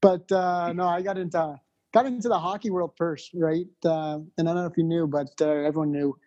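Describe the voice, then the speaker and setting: A relaxed man from Arizona with a fairly high, mellow voice, joking as he answers. He is a skater guest. The sound is slightly dull and lo-fi. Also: a little fast. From Arizona, USA. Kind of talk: interview answers.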